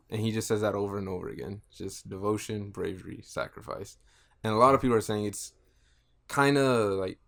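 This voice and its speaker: Gravelly low-voiced man chatting. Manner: relaxed, recounts game story with fillers. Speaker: podcast co-host. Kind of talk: casual chat.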